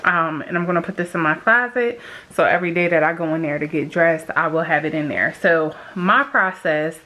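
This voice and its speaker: A woman's voice: low voice, fairly quick, pushed and bright. A woman vlogging in casual, rambling chat to viewers, her speech slightly lisped from the retainers she is wearing.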